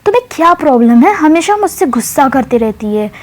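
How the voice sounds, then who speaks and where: A woman voicing a headstrong young woman, high-pitched. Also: sing-song. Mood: defiant. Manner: quick, defiant retorts.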